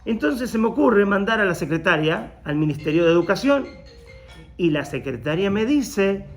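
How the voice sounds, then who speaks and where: A man's voice: sits high, animated, normal speed, faint music behind. A man, a rabbi, telling a personal story in a workshop talk, acting out the voices of the people he quotes.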